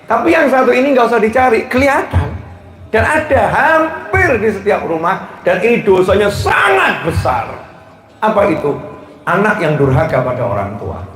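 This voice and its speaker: A man preaching a lively sermon to a live audience, joking and often rising into laughing shouts. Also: high voice, moderate pace, soft background music. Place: gathering hall with an audience. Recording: roomy hall echo, faint background noise.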